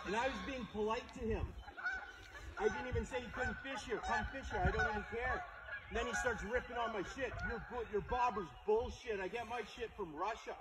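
Furious swearing man on a lakeshore. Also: very high-pitched. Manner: angry, swearing, confrontational. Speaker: angler in a shore dispute. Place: lakeshore outdoors. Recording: outdoor phone video with clear background noise.

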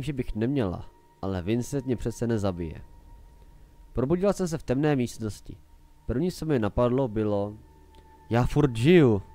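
A man's voice: mid-range voice, dark tone, low-quality recording. A man reading a fan-made horror story aloud in plain storytelling narration. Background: faint music.

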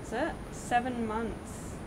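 A woman's voice: on the high side, fairly even intonation, slow. Young woman vlogging in a cemetery at night. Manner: chatty, reading out names from headstones. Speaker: paranormal vlogger host. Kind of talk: casual night exploration vlog. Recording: noisy outdoor night recording.

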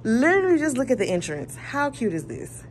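This Atlanta woman in her thirties films her own vlog on a phone held at arm's length, chatting to camera in a bubbly, talkative way inside an office that has become a party venue. She speaks a little high and a little fast with big pitch swings, over loud music.

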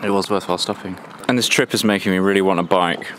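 A man's voice: low voice, fairly even intonation, fast talker. A young man with a Northern English accent, chatty and upbeat, vlogging and narrating a road trip from a car and the roadside. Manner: upbeat, chatty, laughs often. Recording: loud wind and car noise.

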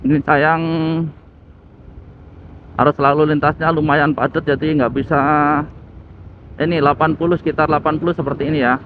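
A man's voice: on the high side, steady tone, normal speed, pauses often. A man chatting casually as he rides a motorbike through city traffic, recorded on a phone with a headset mic. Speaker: motovlogger. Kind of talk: casual motovlog commentary while riding. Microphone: phone with a homemade headset mic. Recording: tinny phone-like audio with faint road noise. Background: traffic and engine noise.

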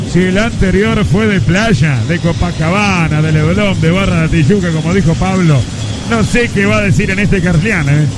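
Male Uruguayan radio football play-by-play, high pitch, excitable and repetitive, very noisy broadcast. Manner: excitable, repetitive rapid-fire phrasing. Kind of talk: excited live radio football commentary, drawn-out goal calls. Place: live sports radio broadcast, noise behind the voice.

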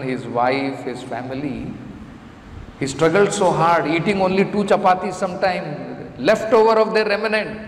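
In an indoor temple lecture room, a middle-aged Indian man with a fairly high voice preaches from scripture using everyday examples. He's emphatic and repeats phrases for stress; a stand mic sits close to his mouth, and the sound is echoey with roomy reverb and faint background noise.

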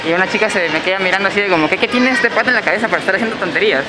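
A young man, vlogging and retelling street encounters in a quick, animated way, quoting what was said. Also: high-pitched, loud music behind the voice, low-quality recording. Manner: fast, animated retelling with quoted lines. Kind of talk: casual storytelling. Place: indoor shopping mall and supermarket. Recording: loud mall background noise.

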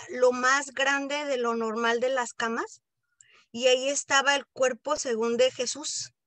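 Woman, high bright voice, animated storytelling, personal testimony, dry close sound. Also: dry recording. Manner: animated storytelling, addresses listeners as brothers. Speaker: group member sharing a testimony. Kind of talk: personal testimony to a Bible study group.

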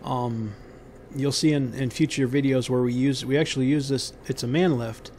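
A man giving unscripted how-to instructions on a building site outdoors, pausing often with ums and restarting his sentences. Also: mid-range voice, fairly even intonation, darkish tone, a little hiss or hum. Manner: halting, many ums and restarts.

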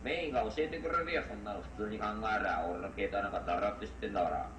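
A man with a rough colloquial Tokyo accent in a heated argument, talking like an aggressive, threatening tough guy. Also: lowish voice, very animated, rapid-fire. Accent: Tokyo-area rough colloquial Japanese. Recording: echoey room with background noise.

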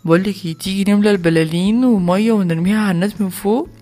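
A woman's voice: medium pitch, steady tone, warm tone, lightly acted. A woman with an Egyptian accent voicing a mischievous young boy prankster in a toy play video. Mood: scheming. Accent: Egyptian Arabic. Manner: scheming, rapid chatter.

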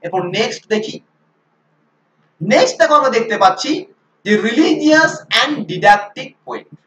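A woman's voice: fairly high pitch, lively intonation, unhurried, a bit bright. Woman teacher, patient drilling lecture style with questions and repeats; echoey room, distant mic. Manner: asks questions then answers them, repeats key points. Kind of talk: lecture explaining literary history. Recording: roomy echo, mic at a distance.

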